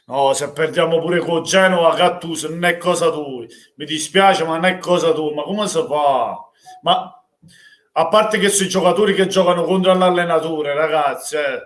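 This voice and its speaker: A young man with a Neapolitan accent, reacting live to a football match and answering his chat, swinging from easy talk to loud outbursts. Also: on the high side, moderate pace. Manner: emotional, swings from calm chat to shouting.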